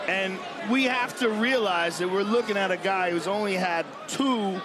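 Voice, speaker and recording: A man giving live MMA colour commentary in an excitable, emphatic, colloquial way. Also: high-pitched, moderate pace, background noise. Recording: loud arena crowd behind commentators.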